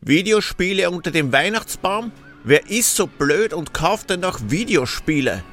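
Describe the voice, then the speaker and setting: A gruff, snappish grump, voiced by a man. He barks his scorn in a raised, lively voice, pitched a bit higher than the narrator. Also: unhurried, faint music behind. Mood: scornful. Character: grumpy stingy middle-aged man, rude and gruff. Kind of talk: audiobook-style story narration.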